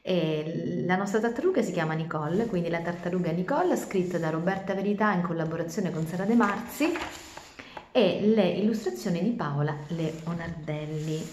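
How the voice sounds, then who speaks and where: Lively woman teacher reading aloud. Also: fairly low pitch, brisk, slight background noise. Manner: warm chatty asides to children, expressive reading. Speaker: teacher reading stories to children. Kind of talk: storybook read-aloud. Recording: roomy echo.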